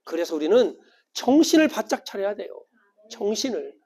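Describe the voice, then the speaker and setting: Animated pastor preaching with dramatic swings. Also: male voice, normal speed, breathy edge. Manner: animated, acts out quoted voices with big swings in pitch and loudness. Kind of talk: sermon.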